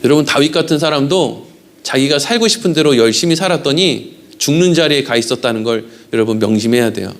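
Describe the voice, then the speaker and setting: A man's voice: medium pitch, lively intonation, fast talker. A male pastor preaching a sermon, who keeps asking his congregation questions and answering them himself. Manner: acts out quoted prayers in a raised voice.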